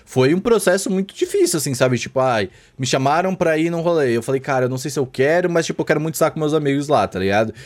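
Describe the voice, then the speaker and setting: A man's voice: a little high, animated, fast talker, hardly any pauses. A young Brazilian man hosting a casual group chat, slangy and rambling with lots of fillers. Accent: Brazilian Portuguese.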